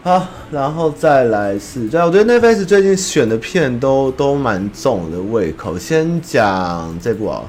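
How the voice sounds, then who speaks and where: A man's voice: mid-range voice, very animated, unhurried, few pauses, a little mellow, faint music behind. A young man from Taiwan, hosting a podcast in casual chat, rambling and blunt, with swearing and mocking voices. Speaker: podcast host. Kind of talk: casual chat about anime.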